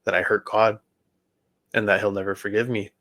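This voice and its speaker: A man hosting a podcast, telling his personal faith testimony in an earnest, halting way with many restarts. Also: lowish voice, flat delivery, fairly bright tone. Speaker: podcast host.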